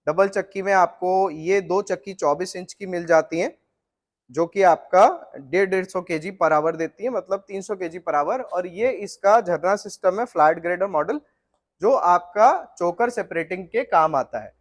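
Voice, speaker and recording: A middle-aged man giving a steady technical walkthrough of flour mill equipment, explaining it directly to the viewer. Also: high-pitched, a little slow.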